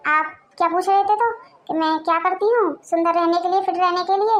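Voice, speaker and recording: Casting: a smug young neighbor woman, voiced by a woman, very high and self-satisfied. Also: fairly even intonation, fairly quick, over loud music.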